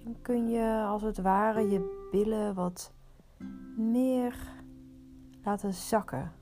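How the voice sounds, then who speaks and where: A woman leading a guided meditation, giving soothing, unhurried instructions with pauses. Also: mid-range voice, steady tone, warm tone, soft background music.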